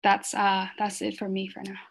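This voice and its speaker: Earnest woman with a gravelly edge. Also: medium pitch, completely flat delivery, normal speed. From Rwanda. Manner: earnest, with many fillers. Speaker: panelist. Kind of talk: online panel discussion.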